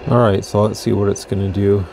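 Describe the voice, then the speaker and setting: A radio reviewer demonstrates a radio at his indoor workbench, relaxed and rambling a bit as he adjusts the equipment. His fairly low, gravelly voice runs a little fast against a noisy background.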